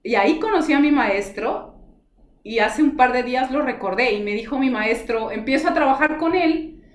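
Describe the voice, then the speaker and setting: A woman's voice: high voice, lively intonation, normal speed. A woman giving an earnest, emotional personal testimony in conversation, acting out the dialogue as she tells it. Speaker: spiritual guide telling her story. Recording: roomy echoey sound.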